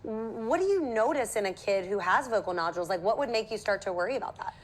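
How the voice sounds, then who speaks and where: A woman's voice: mid-range voice, animated, quick pace. A middle-aged woman hosting a morning TV show, interviewing a guest and wrapping up the segment.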